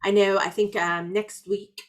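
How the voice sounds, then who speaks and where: A woman's voice: medium pitch, level tone, unhurried. Earnest woman business coach. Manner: earnest and encouraging, with warm asides. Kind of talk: motivational talk.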